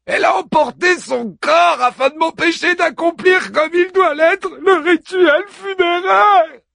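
A man playing a grief-stricken, furious young warrior hero who cries out and pleads, often shouting. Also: sits high, lively intonation, unhurried, slightly rough, voice pushed up, heavily acted. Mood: anguished.

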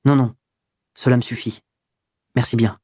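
A man's voice: mid-range voice, fairly even intonation, moderate pace, dark tone, no echo, clean studio sound, close to an everyday voice. A narrator voicing an irritable, penniless young man who grumbles and then begs, in an audiobook reading. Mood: brusque. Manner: gruff, then stammering and begging. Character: broke, irritable young man, pleading when cornered. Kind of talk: audiobook dialogue.

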